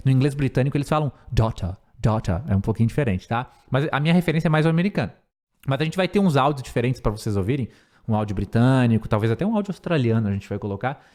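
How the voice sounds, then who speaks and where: A man with a Brazilian Portuguese accent, an English teacher who explains grammar and repeats words slowly for pronunciation. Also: medium pitch, animated, a little mellow.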